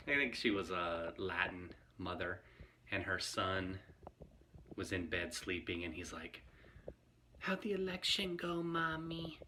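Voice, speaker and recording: Man with a bright, forceful voice. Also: low-pitched, a little hiss or hum. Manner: conversational, rambling, laughs often. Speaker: vlogger. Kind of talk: casual commentary to camera.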